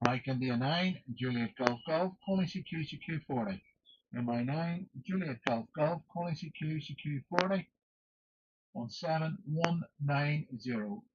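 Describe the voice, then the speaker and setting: A man's voice: on the high side, measured pace. Man calling on ham radio, dull static-tinged sound. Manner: formulaic, spells call signs in phonetic alphabet. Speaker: amateur radio operator.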